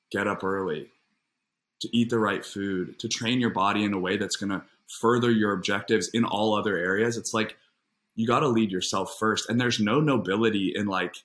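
Low-voiced earnest fitness coach. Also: male voice, fairly bright tone. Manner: earnest, reflective, full of "like" fillers. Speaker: guest, fitness and nutrition coach. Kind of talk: casual podcast conversation.

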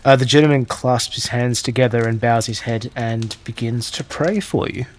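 A man in the middle of his range, running a tabletop game as game master. He narrates in a relaxed, hesitant way, with a faint hiss underneath. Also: medium pitch, moderate pace.

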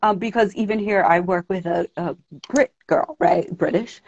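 A woman's voice: mid-range voice, moderate pace, darkish tone, lo-fi sound. A woman from the East Coast with a New York accent, chatting casually on a podcast. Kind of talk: casual chat.

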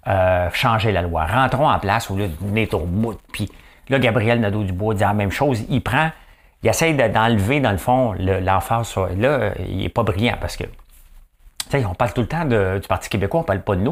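This comedic monologue comes from a man with a fairly low voice and a Quebec French accent. He's animated and rambling, leaning on fillers and repeating words.

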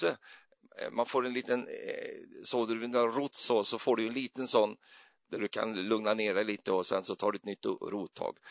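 A man's voice: fairly low pitch, vocal fry, fairly bright tone, no room sound, studio quality. A man giving a loose, chatty sermon in a church, rambling and hesitant with many fillers and little jokes. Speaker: preacher. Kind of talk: conversational sermon.

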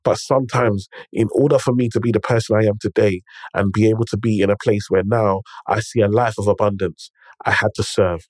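Fairly low and darkish, his voice holds a steady tone while moving at a fairly quick clip, with no room sound. This man, speaking in an urban London roadman accent with multicultural slang, shares stories and motivational advice emphatically and conversationally, repeating phrases and checking in with the listener.

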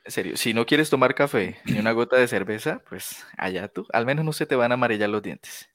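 A man's voice: medium pitch, animated, fairly quick, a bit bright, no room sound. A man from Colombia with a Colombian accent, co-hosting a casual chat with a joking, teasing manner. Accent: Colombian Spanish.

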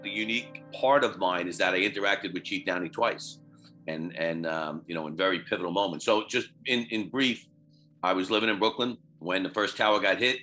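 A man's voice: low-pitched, fairly quick, pushed and bright, faint music behind, poor audio. A firefighter, a man, telling his own story in an interview in a matter-of-fact way. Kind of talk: first-person interview storytelling.

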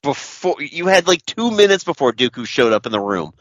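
A man with a bright, higher-pitched voice chats through a film as a podcast host. His joking commentary is lively in pitch, recorded dry. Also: fairly quick, no echo. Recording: dry, slightly dull audio.

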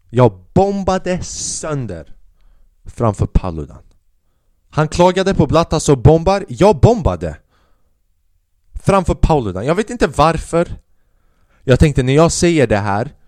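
A young man telling a self-mocking story on his podcast, animated and swearing freely, dropping in English phrases. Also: on the high side, dry recording, clean studio sound. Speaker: podcast host. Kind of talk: casual storytelling monologue.

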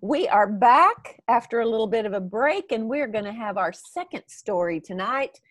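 A woman's voice: a little high, animated, normal speed, fairly bright tone, dry recording. Woman, close and dry. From Northwest Arkansas, USA. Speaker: podcast co-host. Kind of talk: casual group chat.

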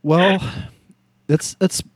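A man ranting in casual talk, swearing constantly and mocking people with quick put-on voices. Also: sits high, steady tone, slightly rough, no room sound, clean studio sound. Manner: heavy swearing, mocking impressions. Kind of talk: casual profane rant.

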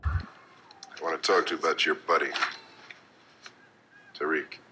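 An actor playing a calm, no-nonsense interrogator who sounds knowing but sympathetic, with a deep, gravelly voice and a measured, steady delivery. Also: male voice, slight background noise, exaggerated voice, low-quality recording. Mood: calm persuasive. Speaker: actor in a TV drama clip. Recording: TV clip with background ambience.

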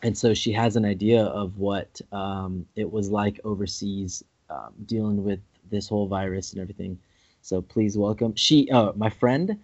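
Low-voiced dude hosting a chat, dry muffled sound, rambles and jokes. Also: male voice, steady tone, normal speed, a little mellow, dry recording. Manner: rambling, restarts, jokey. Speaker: podcast host. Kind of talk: casual interview chat.

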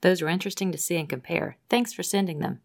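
Low gravelly woman co-hosting a podcast, upbeat, reads listener notes with some pep. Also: fast talker. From Rhode Island, USA. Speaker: podcast co-host. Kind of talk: reading listener mail.

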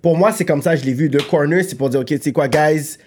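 A man's voice: fairly high pitch, quick pace, a little mellow, a little hiss or hum. A man hosting a casual chat, asking questions and reflecting. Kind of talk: casual chat about rap.

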